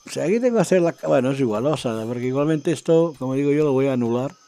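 Lively, excitable man narrating gameplay. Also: medium pitch, very fast, no room sound. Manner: talks to himself and viewers while exploring, excitable. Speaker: gaming video creator. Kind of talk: casual gameplay commentary.

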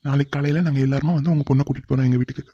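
A man's voice: medium pitch, flat delivery, very fast, dark tone, husky, no echo, close to an everyday voice. A man voicing a reassuring, middle-aged father of the groom in a cartoon drama, soothing the other family. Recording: dull lo-fi recording.

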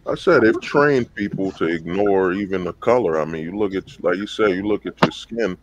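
A man's voice: low voice, moderate pace, background noise. A man on a livestream panel talking casually and emphatically, full of slang and rhetorical questions over a call mic. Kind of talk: casual debate talk.

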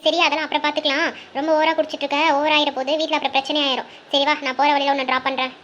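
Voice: high voice, level tone, racing, bright, forceful tone, dull audio, a little hiss or hum. A performer voicing a blunt, teasing young male best friend in a comic cartoon, bossy and full of advice. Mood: advising.

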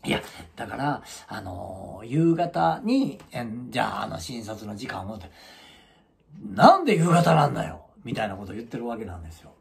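A man's voice: on the low side, normal speed, gravelly, hardly any pauses. A middle-aged man telling a story casually as a channel host, acting out the people in it. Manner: animated, acts out quoted voices.

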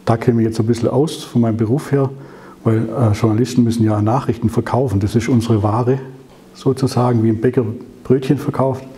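A man giving a conversational sermon, telling the story with rhetorical questions and slowing down on key phrases. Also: medium pitch, steady tone, mellow. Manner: slows down to stress key phrases. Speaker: preacher.

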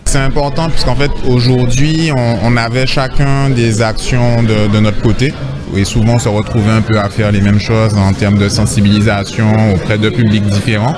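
A man calmly explaining in a press interview, with hesitations. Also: lowish voice. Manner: measured, explanatory, fillers. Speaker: tech association president. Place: indoor event room. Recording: music underneath.

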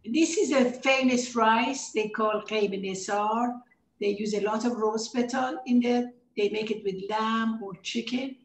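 A woman's voice: on the high side, fairly even intonation, measured pace, a little hiss or hum. Cheerful woman with a Persian accent. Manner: cheerful, laughs often, warm enthusiasm about food. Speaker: cookbook author giving a cooking demo. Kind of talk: casual cooking demonstration talk. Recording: echoey room.

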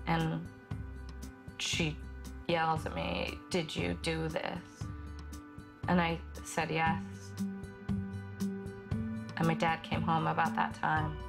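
Young woman, documentary testimony; low, gravelly voice, halting delivery, guitar music under the voice. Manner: halting and soft-spoken, many pauses and fillers. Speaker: interviewee.

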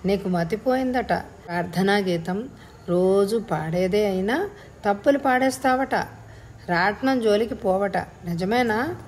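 A woman's voice: mid-range voice, measured pace, a little mellow, a little hiss or hum, natural voice. A woman voicing a proud, clever schoolgirl who talks in a teasing, scornful way in a storybook reading.

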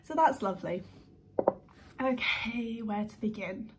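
A young woman from the UK in a sit-down vlog, talking in a nervous, rambling way with quick bursts and restarts. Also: on the high side, animated, slight background noise. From United Kingdom. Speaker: vlogger.

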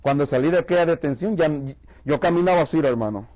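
Guy from mexico preaching a testimony in church, high voice, keeps saying brother to the crowd. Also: quick pace, a little mellow, low-quality recording. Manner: emphatic, addresses congregation as brother. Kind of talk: sermon testimony.

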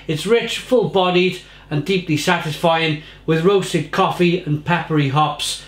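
In a reverberant home kitchen, a high-voiced man gives a casual beer review, chatting away, repeating words often and gesturing with his hands. A fixed camera at his desk captures him indoors.

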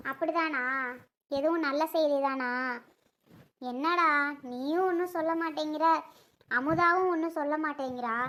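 A woman's voice: extremely high pitch, fairly bright tone. A woman with an acting a family drama skit, fussing and questioning affectionately.

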